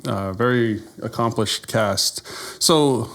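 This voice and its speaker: A man's voice: mid-range voice, takes it slowly, fairly bright tone. A man co-hosting a film podcast, steering a casual chat with enthusiastic questions. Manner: enthusiastic, drives the talk with questions. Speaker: podcast co-host leading the questions.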